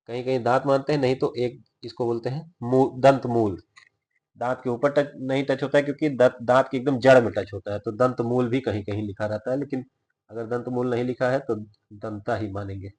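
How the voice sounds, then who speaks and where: A male teacher walks through sounds one by one, voicing each syllable slowly before explaining it. His pitch sits in an ordinary middle range, and he keeps checking that listeners are following. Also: fairly even intonation, darkish tone. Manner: explanatory, checks in with "theek hai". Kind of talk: Hindi grammar lesson.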